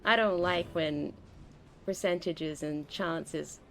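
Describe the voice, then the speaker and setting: Talking slowly in a deep voice, this young woman streams a game with soft music behind her. Her chatty, rambling commentary keeps breaking off mid-sentence.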